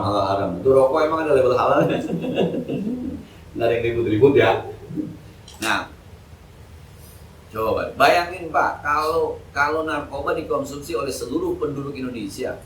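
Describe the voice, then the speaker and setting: A man's voice: medium pitch, normal speed, long pauses, slight background noise. A man giving a casual, joking evening sermon at a mosque, full of colloquial street slang. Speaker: ustadz giving an Islamic study lecture. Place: mosque hall. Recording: echoey hall, mic from a distance.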